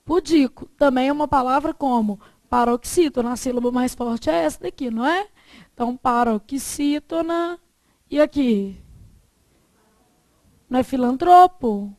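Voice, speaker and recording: A woman's voice: high voice, moderate pace, pauses often, a little mellow, no room sound. A Brazilian woman teaching a Portuguese class, putting questions to her students and answering them herself. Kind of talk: classroom lesson on exam questions.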